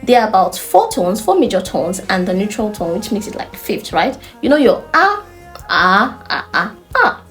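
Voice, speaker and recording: A woman's voice: medium pitch, brisk, hardly any pauses, faint music behind. A woman with a Nigerian accent giving an online language lesson, emphatic and playful as she explains. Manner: animated, emphatic, playful teaching. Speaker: Chinese language tutor.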